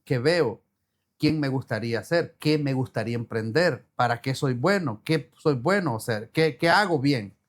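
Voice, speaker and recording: With a mid-range voice, lively intonation and a moderate pace, a man appears as a guest entrepreneur in an interview. His earnest, casual chat features repeated phrases and biblical quotations delivered with a preacher's flair.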